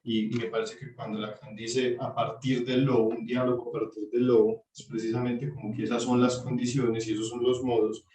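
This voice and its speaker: A man with a Colombian Spanish accent contributes to an online class in an earnest, measured tone. His delivery is flat and even. He sounds roomy and set back from the mic, as on a distant video call. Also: mid-range voice, noisy background. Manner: earnest, measured, citing readings. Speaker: student participant.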